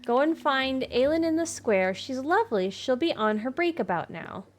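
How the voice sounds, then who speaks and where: A woman's voice: sits high, expressive, normal speed, faint music behind. A woman reading the lines of an emotional woman who is crying while she meets an old friend's child. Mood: tearful.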